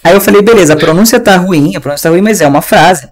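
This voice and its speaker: A man's voice: high-pitched, fast. A man with a Brazilian Portuguese accent teaching an online English class in a chatty, slangy, ranting way over a video call.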